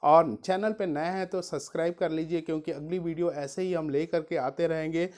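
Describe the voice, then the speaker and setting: A woman's voice: sits low, fairly even intonation, moderate pace, darkish tone. A woman physics teacher explaining how to study a chapter for exams. She mixes in English science terms, calls her listeners dear students, and keeps stressing which topics are important. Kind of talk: exam study-guide lesson.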